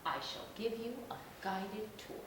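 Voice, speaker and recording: A woman's voice: lively intonation, unhurried, close to an everyday voice. A woman voicing a grand, gracious, commanding Queen while reading a storybook to a toddler. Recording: echoey room, distant mic, noisy rumble.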